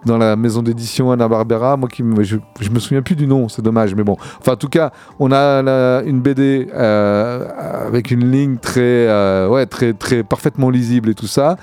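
Man, radio host, casual chat, hesitant, warm mellow tone. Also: mid-range voice, fairly even intonation, moderate pace, few pauses, smooth. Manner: hesitant, searching for words. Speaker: radio host reviewing comics.

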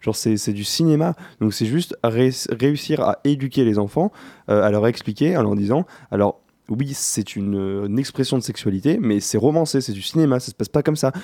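Fast-talking, mellow man on a panel. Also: medium pitch, animated, no room sound, studio quality. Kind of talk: casual, slangy discussion.

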